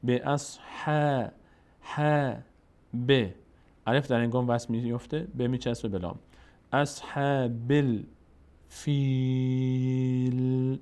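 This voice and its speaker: Male recitation teacher, drawn-out chanting broken by brisk explanation. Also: mid-range voice, darkish tone. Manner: alternates drawn-out chanted syllables with quick spoken explanations. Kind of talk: tajweed lesson, spelling out and chanting verses slowly.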